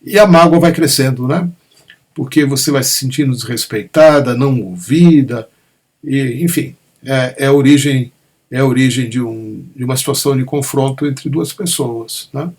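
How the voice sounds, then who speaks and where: A man leading an online satsang, explaining ideas gently and calmly, often ending phrases with a soft questioning tag. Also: mid-range voice, moderate pace, husky. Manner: gentle, frequent "né?" tags, calm explanatory pacing. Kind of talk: unscripted spiritual talk answering questions. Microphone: online meeting microphone.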